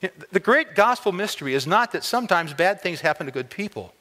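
On a large, dark auditorium stage, an animated chapel speaker in his sixties tells stories in a sermon, gesturing as he goes. His high, bright voice rises and falls across a wide range, and when excited he stammers into quick repeated words, with a long hall reverb trailing behind him.

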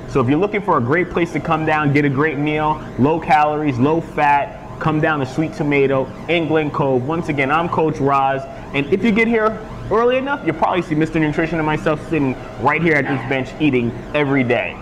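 An energetic young male fitness coach pitches healthy meals to the camera in a slightly raised voice, gesturing as he talks. Faint background noise sits under the camera mic. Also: brisk. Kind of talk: upbeat fitness vlog presenting. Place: outside a restaurant, then at a table indoors.

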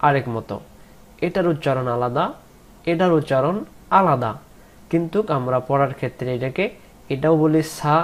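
A man teaching Quran pronunciation in a slow lesson, spelling out letters one by one and drawing out the recited words. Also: mid-range voice. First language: Bengali.

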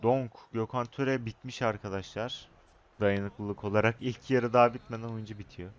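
A young man commentating his own football video game match, excitable, shouting at his players and chatting to viewers. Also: fairly low pitch, normal speed, highs cut off. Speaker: gaming YouTuber.

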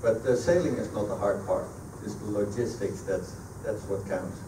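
At normal speed, a low-voiced middle-aged man from the Netherlands, a sailor invited as guest speaker, responds to audience questions at a public talk in a sailing club's meeting room. The room is echoey, and the noisy audio comes from a camera across the room recording his handheld PA microphone.

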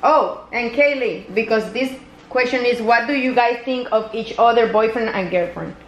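A woman's voice: a little high, normal speed. A mother asking her children questions in a casual family Q&A. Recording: dull echoey room with faint noise.

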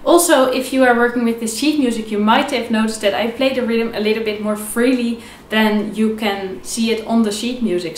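In an echoey room, a young woman teaches violin informally and step by step, encouragingly going over key points again while violin passages fill the gaps. Her voice sits on the high side, with a little hiss or hum on the recording.

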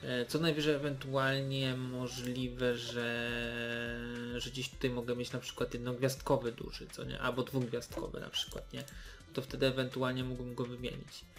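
A man's voice: medium pitch, monotone, moderate pace, faint music behind. A young man giving casual, hesitant commentary while opening game loot boxes, with many fillers and restarts. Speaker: gaming YouTuber.

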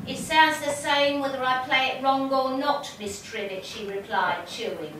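A woman's voice: high-pitched, normal speed, fairly bright tone. A woman playing a chatty, genteel older female medium, fussy, gossipy and amused at herself. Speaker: spirit medium. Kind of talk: stage monologue. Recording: roomy, distant and noisy.

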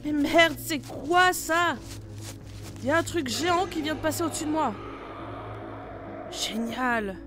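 A commanding female squad leader in a horror audio drama, played by a woman. Her orders come short and curt in a high voice. Faint music plays under her lines. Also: slow, pauses often. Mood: frantic, then stunned. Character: tough female squad leader on a monster hunt. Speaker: team leader.

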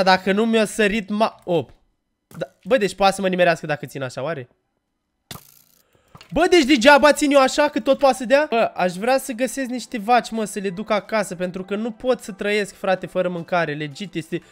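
A young man hosting a gaming video, chatting casually and jokily to viewers and yelping when startled. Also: high voice. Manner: excitable, jokey, yelps when startled, chatty asides to viewers. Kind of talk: casual gameplay commentary.

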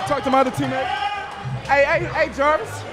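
Young dude clowning around with the boys, high voice, music and crowd noise all around. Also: male voice, steady tone, brisk. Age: young adult. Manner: playful, joking, slangy. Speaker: college football player acting as roving interviewer. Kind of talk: casual chat with teammates. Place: busy indoor bowling alley. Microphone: handheld mic. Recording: loud music and chatter behind.

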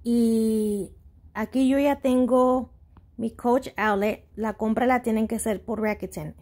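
A woman's voice: on the high side, steady tone, slow pace, a little mellow. A woman in her Spanish, hosting a casual step-by-step tutorial, a little hesitant and mixing in English words. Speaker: host of a shopping tutorial channel.

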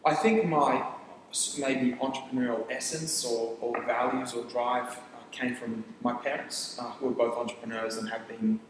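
In a casual interview, a young startup founder who grew up in Papua New Guinea and speaks Tok Pisin natively explains his company, rambling through rapid lists and often restarting phrases. His mid-range voice has fairly even intonation. He sits on an armchair studio set, recorded in an echoey room with long reverb and slight background noise.

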